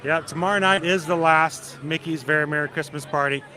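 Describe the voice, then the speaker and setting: A middle-aged man from South Georgia with a deep Southern accent, chatting casually and folksily as he hosts a livestream. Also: steady tone, fairly quick, pushed and bright, soft background music. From South Georgia, United States. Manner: chatty, folksy, greets viewers by name. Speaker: livestream host. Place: outdoors in a busy theme park.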